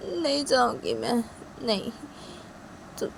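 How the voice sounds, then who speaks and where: A woman voicing a gentle young woman who begs softly and repeatedly, and soothes a child. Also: fairly high pitch, lively intonation, slow pace, vocal fry, a little hiss or hum, voice pushed up, full character voice. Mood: soothing. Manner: pleading, soft, repetitive.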